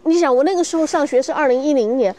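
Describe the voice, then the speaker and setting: A woman from China in her thirties, telling her story as an interview guest in a lively, candid, self-mocking way. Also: sits high, very fast, a crowd in the background. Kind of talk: casual interview chat.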